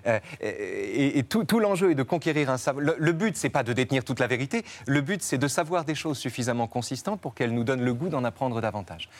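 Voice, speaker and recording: A man's voice: mid-range voice, expressive, a little fast, hardly any pauses. A man being interviewed as a newspaper editor, explaining ideas with frequent hesitations and restarts. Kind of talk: conversational interview.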